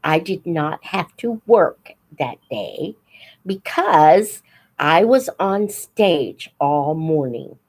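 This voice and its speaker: A deep, expressive voice belongs to this American host in her seventies, reminiscing casually on a live stream. She speaks haltingly and thoughtfully, breaking off mid-sentence and voicing dialogue from memory.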